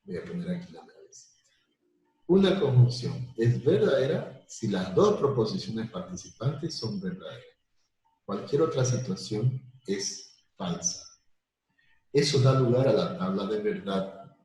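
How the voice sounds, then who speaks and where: Slow-speaking male math teacher, echoey room. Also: fairly low pitch, animated, warm tone. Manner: slow, repetitive explanations with everyday examples. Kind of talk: live online lecture.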